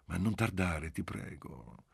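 A man's voice: sits low, very animated, unhurried, a little mellow, no room sound, clean studio sound, full character voice. A man voicing a young wife with a caressing, languid way of speaking in an audiobook. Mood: tender. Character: young bride, tender, languid, clingy.

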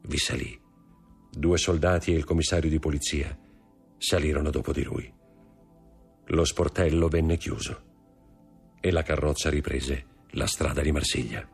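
A man narrating an audiobook in an expressive storytelling manner. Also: extremely low pitch, moderate pace, vocal fry, long pauses, husky, soft background music. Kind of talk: audiobook reading.

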